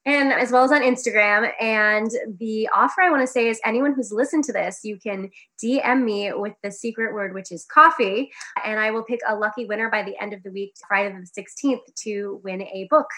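A woman's voice: mid-range voice, fairly quick, hardly any pauses, fairly bright tone. A woman with a Boston accent, a guest on a podcast, talking in a friendly, chatty and slightly scattered way. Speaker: guest speech therapist and author. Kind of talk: casual podcast interview. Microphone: video call.

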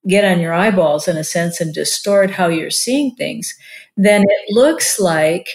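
A woman's voice: fairly low pitch, measured pace. A woman in her sixties, a marriage and family therapist, talking casually in an interview and often using "like" as a filler. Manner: chatty, warm-hearted, many "like" fillers.

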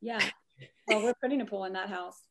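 Southern woman, podcast co-host, chatty and loose. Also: medium pitch. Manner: chatty, rambling, quick to laugh. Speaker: real estate podcast co-host. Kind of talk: casual live podcast chat.

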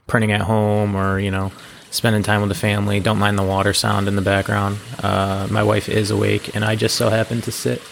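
Casual male podcast host, lowish and gravelly, allergy-hoarse, digressive and self-deprecating in unscripted solo chat. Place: at home, in a room below a bathroom.

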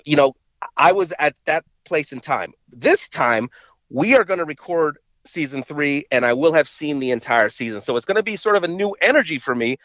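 Calling in as a podcast co-host, this man chats casually, often stuttering over the first words of what he says. He speaks at a moderate pace in a highish, fairly bright voice with lively intonation and no echo, over a muffled, dull phone connection.

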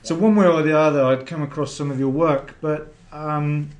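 This middle-aged podcast host has a fairly high, steady voice at a normal speed. He's chatty and rambling during the interview, dropping in plenty of ums.

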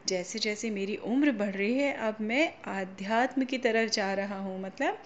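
A woman voicing a lazy, cunning old male heron who speaks calmly and plays pious and helpless, in a storybook tale. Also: on the high side, a little slow, lo-fi sound, a little hiss or hum, natural voice. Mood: falsely pious. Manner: calm, falsely pious and helpless.

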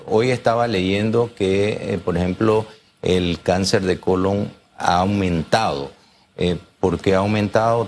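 A man's voice: fairly low pitch, slight background noise. A man speaking as a doctor in an interview, explaining emphatically and repeating key phrases.

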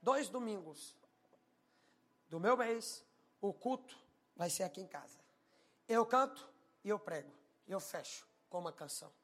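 A man preaching a sermon, telling a personal testimony and swinging from hushed tones to shouting. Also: high-pitched, lively intonation, a little slow, long pauses.

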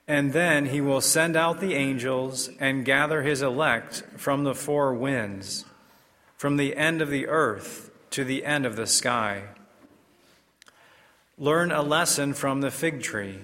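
A man serving as a priest, reading the gospel and preaching a homily in a measured, unhurried way with the odd filler and restart, heard in the long reverb of a large church. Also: medium pitch, pushed and bright.

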